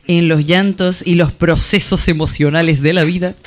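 A man from Peru, a singer-songwriter, introducing himself and a song in earnest, unhurried radio chat. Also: on the high side, steady tone, very noisy.

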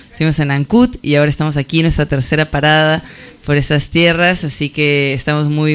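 A man, a singer-songwriter, speaking heartfelt on the radio with frequent pauses. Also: fairly high pitch, fairly bright tone, clear, resonant tone. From Peru. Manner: heartfelt, pausing often. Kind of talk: radio guest talk.

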